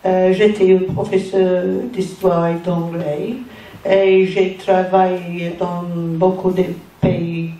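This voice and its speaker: An older woman, a native English speaker, speaks French with a clear English accent. She goes very slowly and haltingly, feeling for each word, in a soft-edged mellow voice. She is addressing a public meeting in a roomy space. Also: fairly low pitch, flat delivery. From England. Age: older, retired. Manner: halting, searching for words in non-native French. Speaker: audience member and former teacher. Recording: roomy, distant pickup with faint noise.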